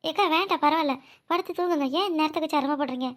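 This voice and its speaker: A woman's voice: sits high, fast, close to an everyday voice. A woman voicing a bold young village wife in a cartoon, defiant and sulking. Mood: subdued. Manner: rural Tamil village speech, scolding and defiant. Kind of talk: cartoon voice acting.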